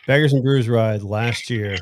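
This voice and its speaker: A man hosting a casual livestream, telling a story in an animated, joking way. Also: mid-range voice, slight background noise. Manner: animated storyteller, quick jokes and laughs. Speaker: livestream host.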